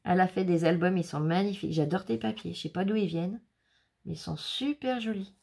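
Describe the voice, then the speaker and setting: Chatty woman with gravelly voice. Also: lowish voice, a little fast, darkish tone. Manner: chatty, laughing often, exclaiming over crafts. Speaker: scrapbooking vlogger. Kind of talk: casual unboxing chat.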